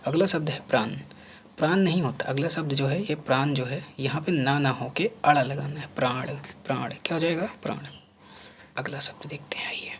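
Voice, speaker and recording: A man gives a brisk spelling lesson for an exam in a fairly high voice, with slight background noise. He says each word repeatedly and asks himself questions, then answers them. While he writes on screen, he murmurs.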